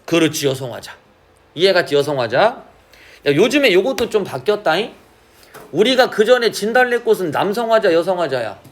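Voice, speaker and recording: Lively high-voiced male teacher. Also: fairly quick. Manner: asks frequent check questions, drawls key terms. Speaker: Korean literature teacher. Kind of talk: classroom lecture.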